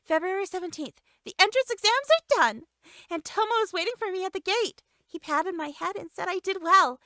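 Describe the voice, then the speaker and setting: A woman voicing a shy, earnest young heroine in a game, speaking in a soft, wistful way. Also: extremely high pitch, no room sound, clean studio sound, pitched above the performer's own voice, exaggerated voice. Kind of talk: game dialogue voice acting.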